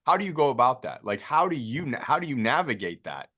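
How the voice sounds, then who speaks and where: A man's voice: mid-range voice, very animated, fast, pushed and bright, breathy edge. A man hosting a podcast interview, enthusiastic and rambling, often restarting his sentences. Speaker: podcast host. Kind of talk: casual interview conversation.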